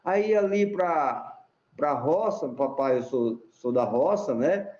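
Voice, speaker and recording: A man's voice: on the high side, animated, slow pace, darkish tone. A middle-aged man, explaining things like a teacher in an interview and often asking "né?". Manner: didactic, chatty, asks rhetorical "né?". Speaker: repentista and teacher, interview guest. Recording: echoey room, dull sound.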